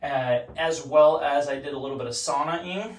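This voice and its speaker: A man with a somewhat high-pitched voice talks casually as he instructs from a tub of ice cold water. The bathroom rings with echo, and he sounds a little away from the microphone. He addresses the camera like a home vlogger. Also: moderate pace, recorded from a distance. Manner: speaking while sitting in ice cold water. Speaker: vlogger demonstrating ice baths. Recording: echoey bathroom, off-mic, water noise.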